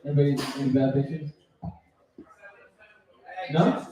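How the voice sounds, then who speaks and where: A man's voice: a little high, steady tone, slow pace. A man hosting an open mic, joking loosely with the crowd and laughing between lines. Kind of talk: emceeing and crowd work. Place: small bar with live audience. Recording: echoey bar room, mic heard from a distance.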